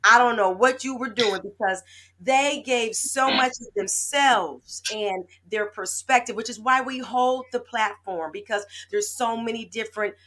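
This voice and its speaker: A woman's voice: fairly high pitch, a little slow, bright, forceful tone. A woman hosting an inspirational talk show over a video call, effusive and heartfelt, close to tears at times.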